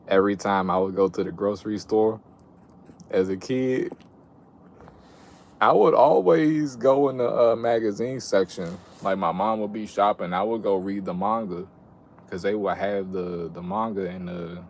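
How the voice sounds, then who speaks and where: Low-pitched young man, casual rambling stream chat. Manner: laid-back, rambling, slangy, swearing. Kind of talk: casual livestream chat, reminiscing. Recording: clear background noise.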